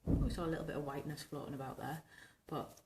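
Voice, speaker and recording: Talking fast, a woman in her thirties gives a rambling, casual hairstyling tutorial to camera as a vintage-style vlogger. Tonsillitis she's recovering from leaves her voice husky, hoarse, smoky and rumbling. Reverb from her small bedroom and background noise fill the recording.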